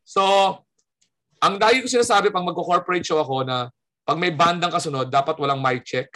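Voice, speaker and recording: A high, bright-voiced man from the Philippines is telling a story in casual chat. He is a stand-up comedian, and he acts out each quote in his tale with a lot of energy. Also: fairly quick. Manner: animated storyteller acting out quotes.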